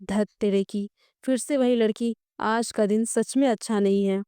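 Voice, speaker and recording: Woman doing a proud young male snake guardian, brash, storybook, warm tone. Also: mid-range voice, steady tone, measured pace, clean tone, dry recording, clean studio sound, natural voice.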